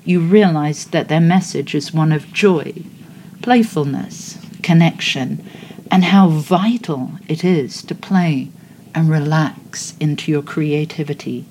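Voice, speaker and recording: A woman leading a guided visualization meditation, speaking in a soothing, unhurried way. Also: low voice, warm tone, slight background noise, low-quality recording.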